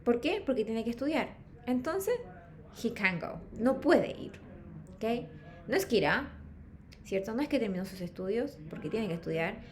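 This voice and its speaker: A woman's voice: on the high side, a little mellow, slight background noise. A woman teaching an English class, checking in constantly with her students. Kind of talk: online class lecture.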